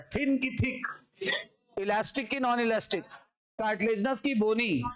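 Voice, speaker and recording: A male Indian biology teacher with a high voice explains step by step, firing questions at his class and answering them himself. The recording sounds a little dull and lo-fi. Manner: energetic, asks and answers his own questions. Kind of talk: classroom lecture.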